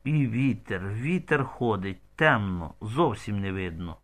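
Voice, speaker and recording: A man's voice: fairly low pitch, animated, measured pace, fairly bright tone. A man narrating an audiobook with intense storytelling.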